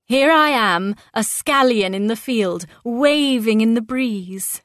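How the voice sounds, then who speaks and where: Woman doing a playful young debutante, high and giggly, in a storybook reading. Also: expressive, slow pace, fairly bright tone, dry recording, studio quality. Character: lively young debutante Daisy, teasing and playful.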